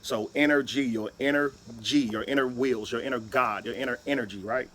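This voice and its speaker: A man's voice: medium pitch, fairly even intonation, fairly quick, fairly bright tone, a little hiss or hum. A man giving an emphatic lecture-style monologue, spelling words out letter by letter and asking "right?" often. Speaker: video speaker.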